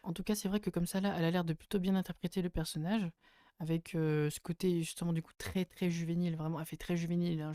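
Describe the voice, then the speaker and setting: A man giving casual spoken commentary as a YouTuber reviewing casting photos, hesitant with many fillers and sudden bursts of excitement. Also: fairly high pitch, smooth, no echo, clean studio sound.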